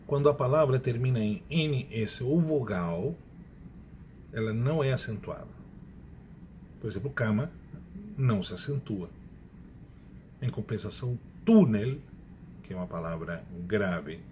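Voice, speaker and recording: A man's voice: medium pitch, a little mellow, a little hiss or hum. Man teaching grammar. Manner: explanatory, repeats examples slowly, self-corrects. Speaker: Spanish teacher. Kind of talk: classroom grammar lecture.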